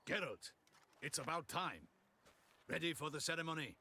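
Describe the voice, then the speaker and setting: An actor playing a dutiful palace guard commander in a video game, with formal, courtly, crisp diction. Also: male voice, fairly high pitch, animated, moderate pace, pushed and bright, heavily acted. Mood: brisk, courteous.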